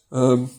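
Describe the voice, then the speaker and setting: A man in his seventies from South Yorkshire, England, with a softened Yorkshire accent, records a casual personal vlog on his mobile phone in his living room. He's rambling and hesitant, full of ums and small laughs.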